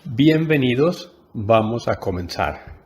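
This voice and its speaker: A man's voice: mid-range voice, expressive, slow pace, a little mellow. A man teaching a Spanish lesson, explaining patiently and repeating key terms for emphasis.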